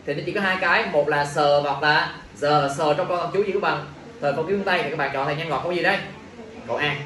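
Running an exam review class, a male English teacher speaks quickly in a slightly high voice. He's lively, cracks jokes with the students, and quizzes the class with questions. The room is echoey, with faint ambient noise behind him.

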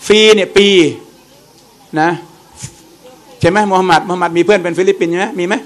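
A man's voice: high voice, flat delivery, quick pace. A man giving a religious lecture, speaking conversationally, repeating his points and putting questions to the audience. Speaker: Islamic religious teacher.

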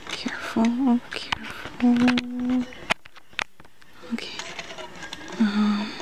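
A woman with a creaky, slightly high voice mutters to herself in an ASMR roleplay, acting as an unprepared student taking a quiz. She sounds hesitant and flustered, repeating words and often slipping into whispers, with some background noise.

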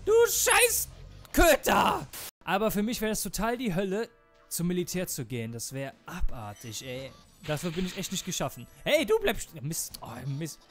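A man commenting on a video game he is playing, excitable, often yelling at enemies and swearing, with faint music behind. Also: a little high, fairly quick. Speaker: let's player.

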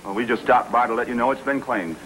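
A man's voice: medium pitch, quick pace, a bit bright, a little hiss or hum, lightly acted, poor audio. A man acting a matter-of-fact police officer in a 1950s film, casual and offhand.

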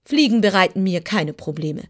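A woman's voice: medium pitch, lively intonation, normal speed, close to an everyday voice. Woman doing a polite wooden sawhorse. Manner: earnest, polite. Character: living wooden sawhorse, modest yet proud.

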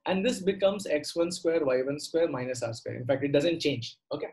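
Man, South Indian accent, slightly high voice, online teacher, step-by-step explaining, repeated phrases, frequent check-in questions. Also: animated, normal speed, creaky, a little mellow. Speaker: maths teacher. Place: indoor room, online class on a computer.

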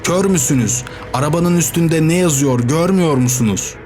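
A man voicing an old, cynical male donkey who shouts urgently, raised well above his own pitch. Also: normal speed, faint music behind, natural voice. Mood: alarmed.

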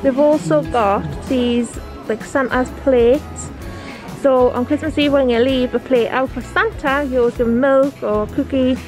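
Speaking in a high, fairly even, unhurried and slightly mellow voice, this Geordie woman in her thirties from Newcastle upon Tyne vlogs a shopping trip, eagerly chatting about her finds and reading out prices. The family vlogger films on a handheld camera in a big indoor discount store, where store music and shopper noise fill the background.

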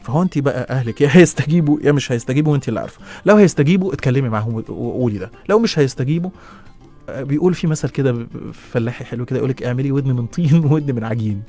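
A middle-aged man with an Egyptian accent, hosting a casual radio advice show and answering listeners, with quick restarts and lively asides. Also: mid-range voice. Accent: Egyptian Arabic. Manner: fast, lively, stumbling restarts and laughs. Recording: radio studio with faint music behind.

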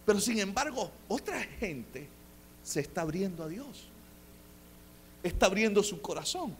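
A male pastor, preaching a live church sermon that swells into shouting. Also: high-pitched, big pitch swings, unhurried, slight background noise. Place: church sanctuary.

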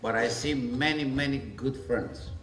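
A man's voice: medium pitch, a little slow, fairly bright tone. A middle-aged man born in Greece, a chef speaking on a panel at a trade event. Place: large restaurant function room. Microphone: table mic on a stand, camera at a distance. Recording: roomy, distant, faint room noise.

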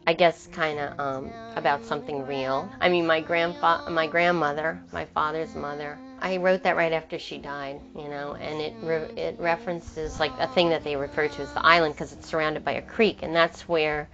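A woman singer-songwriter with a low-pitched voice talks casually in an interview, circling back and restarting her thoughts as she goes. The sound is muffled and lo-fi, with guitar music playing clearly underneath. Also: steady tone, normal speed, hardly any pauses. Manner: rambling, frequent restarts and trailing thoughts. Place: in New York.

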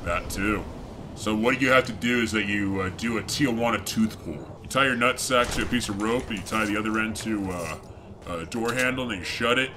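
A man's voice: fairly low pitch, brisk, background noise. A man in his twenties talking through a voice changer in casual, joking gaming chat. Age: 20s. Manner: joking, crude. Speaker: teammate in party chat.

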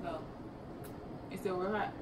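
A young woman on her living room sofa does a noodle eating challenge for her vlog, chatting bluntly with plenty of swearing and slang. Her voice is lowish, fairly even, and a little slow. The camera sits a few meters away, giving roomy, distant, noisy audio.

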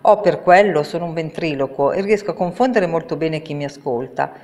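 A woman's voice: low-pitched, expressive, brisk, darkish tone. A woman voicing a little bald old man posing as a great wizard, stammering and pleading. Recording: reverberant room.

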